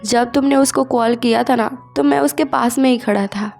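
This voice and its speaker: A woman voicing a drunk, furious young male star who shouts and demands. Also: on the high side, normal speed, creaky, faint music behind. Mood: accusing. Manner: loud angry demanding outbursts.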